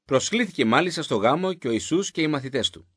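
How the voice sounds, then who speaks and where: A man narrates a scripted Bible reading in a clear, measured way. His voice sits fairly high with lively, animated intonation, recorded close and dry. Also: no room sound.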